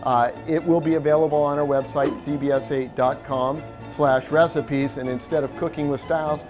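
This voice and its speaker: A man's voice: a little high, fairly even intonation, moderate pace. A middle-aged man hosting a TV cooking segment in a restaurant kitchen, chatty and joking. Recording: background music under the talk.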